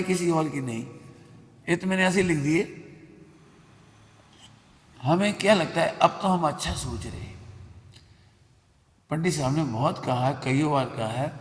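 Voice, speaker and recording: A man's voice: fairly high pitch, a little slow, pauses often. A man giving a religious sermon in a temple hall, speaking bluntly and emphatically, scolding his listeners. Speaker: religious teacher. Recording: echoey hall with long reverb.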